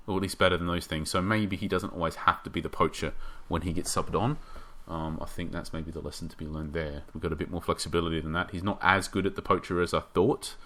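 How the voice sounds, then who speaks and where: Rambling and hesitant, a man thinks out loud while casually commentating on a game, his low, fairly bright voice turning hoarse.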